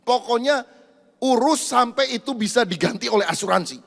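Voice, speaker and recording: A man's voice: sits high, lively intonation, brisk, voice pushed up. A preacher voicing a curt, bossy husband who tells his wife to handle things herself. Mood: impatient. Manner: curt, commanding. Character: bossy Indonesian husband, busy at work, impatient. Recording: echoey church hall.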